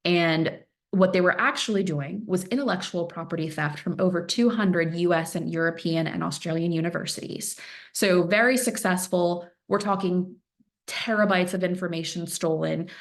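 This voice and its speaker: In a webinar presentation, an earnest woman working as a threat intelligence analyst leans on key words and repeats phrases to hammer home her points. A native Farsi speaker, she has a slightly low voice for a woman and speaks at a steady pace, dropping in an "um" now and then.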